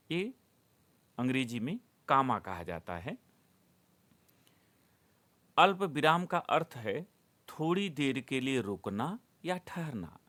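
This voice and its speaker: A middle-aged male teacher gives a grammar lesson in a measured, patient voice. He talks in short, deliberate steps and counts items off one by one, as if students are writing them down. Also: mid-range voice, a bit bright. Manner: slow, deliberate, dictation-like enumeration. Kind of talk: explanatory classroom lesson.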